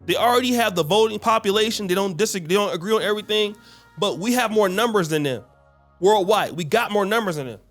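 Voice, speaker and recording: A man's voice: high voice, brisk, a bit bright, soft background music. Earnest man lecturing into a studio mic. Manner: earnest and lecturing, with rhetorical questions. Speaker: commentator. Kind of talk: reaction commentary. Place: small studio set. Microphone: studio mic with headphones.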